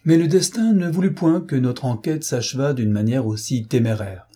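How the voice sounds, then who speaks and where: Male audiobook narrator, measured and steady, husky. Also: mid-range voice. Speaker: audiobook reader. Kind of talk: scripted narration.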